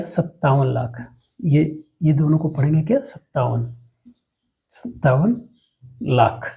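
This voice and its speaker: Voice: medium pitch, gravelly, mellow, rough recording. A maths teacher explaining a lesson step by step. The teacher asks questions and answers them, repeats words often, and mixes English words into the explanation.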